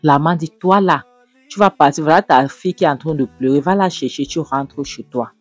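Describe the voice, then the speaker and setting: A man's voice: on the high side, fairly quick, no echo, faint music behind, natural voice. A man voicing a bossy middle-aged mother who scolds and threatens her daughter. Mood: furious. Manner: scolding, threatening, loud outbursts.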